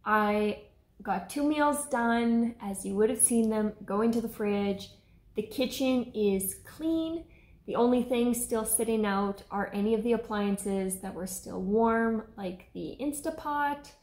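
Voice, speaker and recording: A woman's voice: a little high, slow, darkish tone. A woman in her thirties chatting to camera at home about her day, upbeat and talkative. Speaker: vlogger. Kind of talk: casual vlog chat to camera. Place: home kitchen and living room indoors. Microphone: camera on a stand in front of her. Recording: echoey home room.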